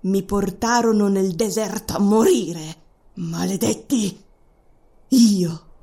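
A scheming witch sneers at her royal twin, voiced by a woman in an audiobook. Her speech is slow and gloating, with a gravelly rasp and wide, swooping pitch. She mocks with every sentence. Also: warm tone, full character voice. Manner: sarcastic, mocking, slow and gloating. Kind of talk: audiobook voice acting.

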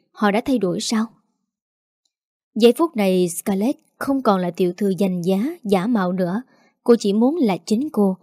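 A woman narrating a story in a steady, measured way. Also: medium pitch, no echo, clean studio sound.

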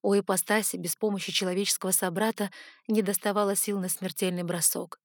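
A woman's voice: mid-range voice, flat delivery, fairly quick, no room sound, studio quality. Woman narrating a fantasy audiobook.

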